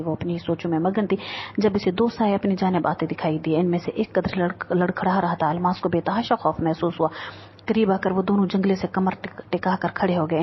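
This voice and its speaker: A woman narrating a novel in a steady storytelling manner. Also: fairly low pitch. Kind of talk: scripted narration. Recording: dull lo-fi audio with faint hiss.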